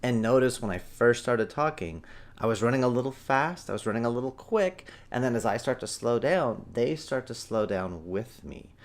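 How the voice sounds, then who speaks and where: A man in his thirties hosting a parenting show, giving emphatic, animated advice that swings between loud and hushed. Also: medium pitch, moderate pace. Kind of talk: energetic parenting advice talk.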